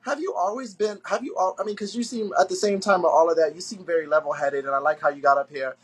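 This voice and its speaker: A man hosts a casual live-stream interview and fires off excitable, profane questions. He talks very fast in a husky voice that sits a little high. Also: low-quality recording.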